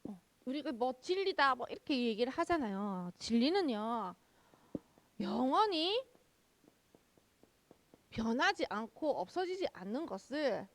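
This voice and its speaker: A young woman pastor giving a children's sermon, lively, asking the kids questions and answering them herself. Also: high-pitched, unhurried, pauses often.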